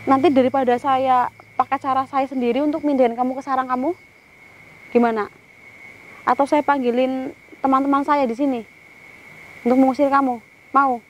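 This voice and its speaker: A woman with a higher voice leads a paranormal summoning outdoors by a river while faint crickets chirp behind her. She switches between whispered Islamic prayers, stern commands to a spirit and quick asides to her cameraman. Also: level tone, highs cut off, a little hiss or hum. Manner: directs the cameraman as she talks; some prayers muttered in a whisper. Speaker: ghost-hunting vlogger.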